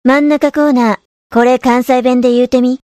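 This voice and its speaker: A woman voicing a brisk, teasing big-sister instructor with a Kansai accent. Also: high voice, steady tone, darkish tone, no echo, clean studio sound, lightly acted. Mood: bossy.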